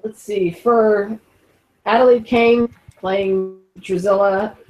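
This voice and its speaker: Woman, podcast host, casual halting chat, glitchy call audio that keeps cutting out, headset mic, middle pitch. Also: fairly even intonation, lo-fi sound. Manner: halting, full of restarts and fillers. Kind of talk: casual TV-show review chat. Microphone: headphone mic over an online call.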